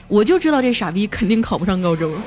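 A young adult woman hosting a comedy show, reading listener jokes aloud in a playful, lively way and chuckling at them. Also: quick pace, noisy background. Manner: playful, chuckles at the jokes, jumps high for quoted voices. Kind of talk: lively comic joke reading. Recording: background music under the voice.

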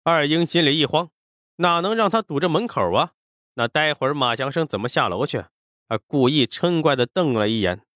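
A man narrating an audiobook with expressive storytelling. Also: on the high side, normal speed, dry recording, clean studio sound.

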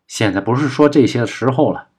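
A man's voice: medium pitch, fast, a little mellow, breathy edge, lightly acted. A man voicing a terse, urgent commander. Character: gruff man helping a friend escape. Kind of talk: audiobook character voice.

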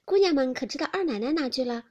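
女声演绎的伶俐能干的小丫鬟. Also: female voice, sits high, expressive, darkish tone, dull audio, voice pushed up. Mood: eager. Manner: quick, eager, talks back pertly. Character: clever, eager young maid.

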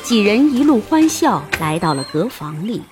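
A woman narrating a historical-fiction audiobook in an expressive storytelling manner. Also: medium pitch, normal speed, music in the background.

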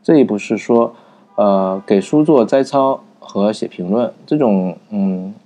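A man talking through a book's reading method in a casual, unscripted way, pausing often with fillers and restarting his sentences. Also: lowish voice, mellow. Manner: thinking aloud with many fillers and restarts. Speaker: book review narrator. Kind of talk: casual spoken book summary.

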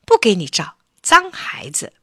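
A woman voicing a small, bossy, excitable toy puppet who takes photos, in a high, shouting voice for a children's storybook. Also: unhurried, slightly rough, no room sound, clean studio sound, full character voice. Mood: scolding.

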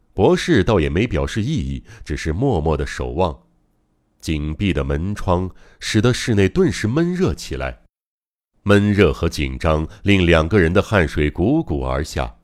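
A man's voice: deep voice, darkish tone. A man narrating a mystery novel as an audiobook, in a dramatic, suspenseful reading. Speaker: audiobook reader.

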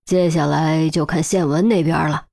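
A woman's voice: low voice, steady tone, moderate pace, gravelly, darkish tone. A woman voicing a middle-aged male officer who mumbles and grumbles in an audiobook story. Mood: grumbling.

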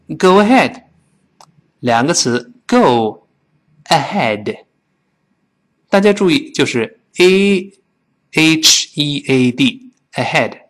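A man teaching spoken English, drilling phrases slowly and then fast. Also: medium pitch, fairly bright tone. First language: Chinese.

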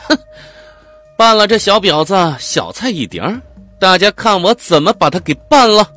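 A man's voice: sits high, sing-song, moderate pace, sharp tone, soft background music, pitched above the performer's own voice, full character voice. A man putting on a sneering brute of a woman convict. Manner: sneering, crude, domineering. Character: brutal coarse middle-aged woman convict bully. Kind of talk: audiobook character voice.

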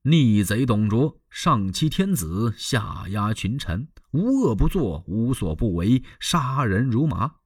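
A man's voice: fairly low pitch, very animated, a little slow, no room sound, studio quality. A man voicing Lü Bu, a blustering warlord. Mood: scornful. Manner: bold declaiming. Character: proud hot-tempered male warlord general. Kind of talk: traditional Chinese storytelling.

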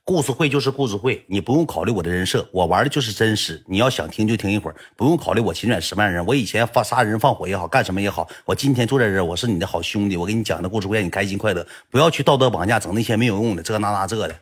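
A man's voice: on the low side, rapid-fire, few pauses, slightly rough. A young man with a Northeastern Mandarin accent telling stories in a blunt, chatty way on a livestream. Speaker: livestream storyteller. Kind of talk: casual storytelling livestream.

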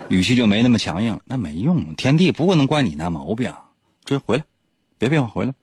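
A man's voice: on the low side, big pitch swings, fairly quick, darkish tone, slightly rough. A man, a radio host telling a legend in a teasing, joking way, chuckling often. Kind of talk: joking storytelling. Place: radio studio.

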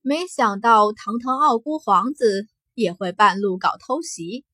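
A woman's voice: a little high, animated, normal speed, pushed and bright, no room sound. A woman voicing a wry, self-reliant young male cultivator who talks in a cool, teasing way in an audiobook.

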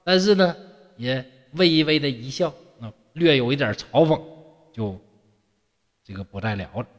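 A man's voice: medium pitch, animated, normal speed. Chatty male storyteller, echoing reverb. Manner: chatty, asks and answers rhetorical questions. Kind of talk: colloquial storytelling with commentary. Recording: long reverb.

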